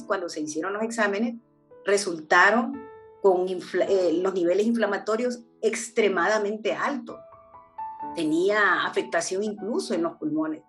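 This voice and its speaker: A woman preaching a personal testimony sermon, speaking in an earnest, heartfelt way with frequent restarts. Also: medium pitch.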